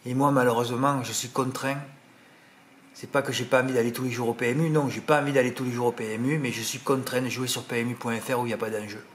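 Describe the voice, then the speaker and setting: A horse racing tipster with a regional French accent speaks fast in a casual monologue to his subscribers, rambling and indignant while his mid-pitched voice stays steady. He keeps dropping in tag words like "hein" and "voilà." A faint hiss runs under the recording.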